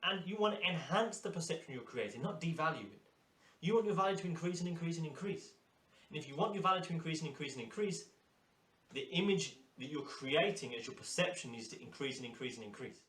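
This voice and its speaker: A man's voice: on the high side, lively intonation, quick pace, fairly bright tone. A man giving a motivational course lecture as a hairdressing instructor, emphatic and fond of repeating his key phrases. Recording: roomy echo.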